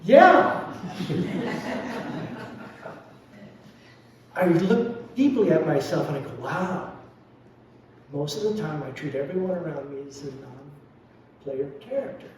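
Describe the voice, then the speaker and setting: A man's voice: fairly high pitch, moderate pace, crowd noise. A man giving a dharma talk as a lay Buddhist speaker, reflective and confessional with wry humor. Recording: very echoey hall, mic at a distance.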